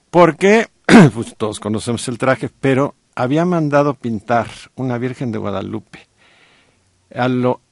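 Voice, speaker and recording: A middle-aged man with a Mexican accent, telling a story on a radio talk show with many pauses and fillers. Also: mid-range voice, vocal fry, dry recording. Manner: warm storytelling with frequent fillers. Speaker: guest co-host.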